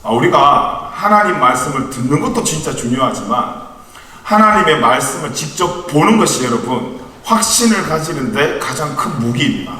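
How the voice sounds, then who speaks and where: A man in his thirties who works with young adults tells family stories with gentle humor during a conversational sermon. His voice sits on the high side and sounds animated, bright and forceful at a moderate pace. The recording comes from far away in an echoing church hall.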